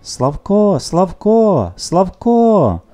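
A man voicing a clever, friendly grey parrot with a rattly, crackling voice that repeats words loudly. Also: sits high, sing-song, extremely slow, voice pushed up, full character voice. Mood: excited. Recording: soft music behind the reading.

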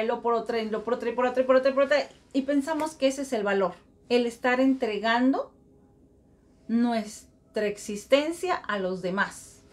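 A middle-aged woman speaks in an earnest, repetitive way, a spiritual talk full of chanted mantras. Her voice sits a little high for a woman. She slips into small voiced-out inner thoughts as she goes. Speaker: spiritual self-help speaker.

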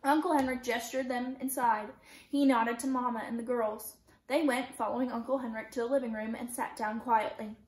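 A woman teacher reading a novel aloud in a steady, gentle storytelling manner. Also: on the high side, normal speed. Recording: roomy echo.

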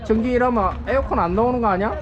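A man's voice: very high voice, rapid-fire. A middle-aged man from South Korea chatting casually as a vlogger, rambling and often muttering to himself. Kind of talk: casual vlog chat and narration. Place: busy rural family home in Cambodia. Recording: muffled, crowd chatter around.

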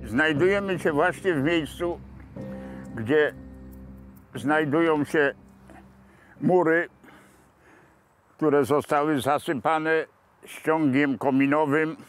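A man in his seventies from Poland, recounting local history to camera outdoors in a park in a measured, pausing manner. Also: a little high. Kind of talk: unscripted reminiscence to camera.

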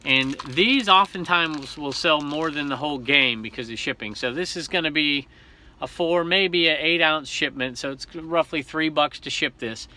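A man's voice: on the high side, moderate pace, pushed and bright. A man in his forties talking casually about his resale finds, upbeat and rambling, filmed at arm's length in a small cluttered room at home. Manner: chatty, upbeat, rambling with self-corrections. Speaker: reseller vlogger. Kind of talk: casual haul vlog.

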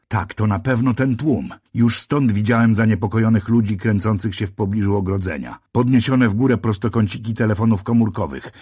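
A man's voice: on the low side, a little mellow, husky, no echo, studio quality. A man narrating an audiobook in the first person, with a tense, brooding delivery.

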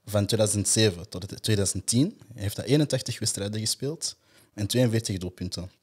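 A man, hosting a casual football podcast and reading player facts in a steady, matter-of-fact way. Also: on the low side, a little fast, breathy edge.

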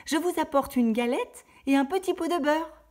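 Woman doing a high little red-hooded girl. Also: darkish tone, close to an everyday voice. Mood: cheerful. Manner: high, wide-eyed and slow.

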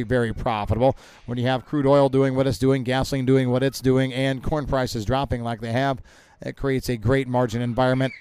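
Smooth-voiced male grain market analyst. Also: mid-range voice, darkish tone, dry recording. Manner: conversational, emphatic market talk. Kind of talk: market commentary. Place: county fair, outdoors broadcast.

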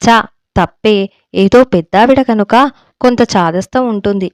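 A woman's voice: mid-range voice, unhurried, darkish tone, no room sound, natural voice. A woman voicing a timid, anxious young wife who pleads with her friend in a storybook reading.

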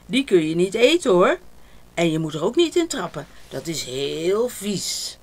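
A woman voicing a fussy, disapproving old grandmother in a storybook reading, with drawn-out, disgusted exclamations. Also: lowish voice, very animated.

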